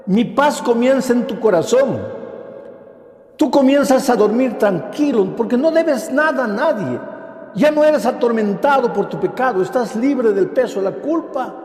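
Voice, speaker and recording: A man's voice: high voice, darkish tone. An older man, a pastor, preaching a sermon with emphatic repeated phrases. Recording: echoey hall.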